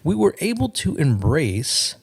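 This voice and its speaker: Podcast host, male, gravelly voice that rises and falls widely, earnest solo monologue. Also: on the high side, wildly swooping pitch. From California. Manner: earnest, measured, with repeated restarts.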